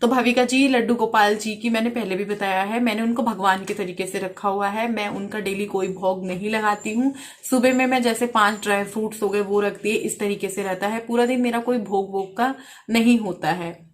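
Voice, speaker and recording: Woman vlogger in her thirties, casual Q&A, speaks frankly and sometimes rushes. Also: mid-range voice, steady tone. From India. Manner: frank, talks quickly at times. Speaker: vlogger answering viewer questions. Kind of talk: casual Q&A chat.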